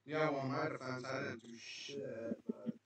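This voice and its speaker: A man's voice: mid-range voice, fairly even intonation, moderate pace, a bit bright. A man in casual voice chat, blunt and defensive, heard through an echoey, distant mic.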